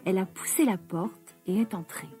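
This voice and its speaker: A woman narrating a children's story slowly and expressively. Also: mid-range voice, breathy edge, soft background music. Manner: slow, expressive, lively.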